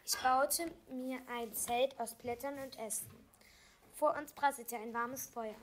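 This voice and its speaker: Woman, fairly high voice, reads a fantasy tale aloud, halting, small slips. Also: fairly even intonation, background noise. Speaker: storyteller. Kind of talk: reading aloud a self-written fantasy story.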